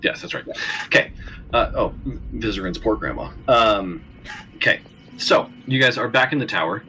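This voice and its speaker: A man narrating as game master of a tabletop game, in a relaxed, laid-back way. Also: on the low side, normal speed, poor audio.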